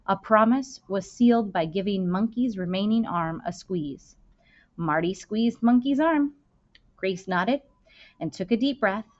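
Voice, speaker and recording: Reading from a children's novel in an indoor room, a woman who works as a school librarian uses deliberate, expressive phrasing at a pitch that's middling for a woman. Her audio has a somewhat muffled, lo-fi webcam quality.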